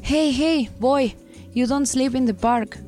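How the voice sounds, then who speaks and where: Pushy male park guard, clipped broken English, higher voice, dark tone, read by a woman. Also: slow pace, faint music behind. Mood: bossy.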